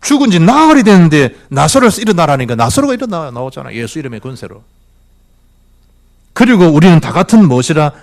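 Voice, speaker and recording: A middle-aged male pastor, preaching a church sermon. He fires rhetorical questions and swings between loud declarations and hushed asides. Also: a little high, big pitch swings, fairly quick, vocal fry. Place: church sanctuary.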